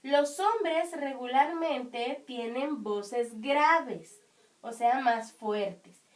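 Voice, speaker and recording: A woman teaching young children, explaining patiently with many checking questions, her high voice strong and carrying. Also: very slow, far from the mic. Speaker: primary school teacher. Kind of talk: online class for children.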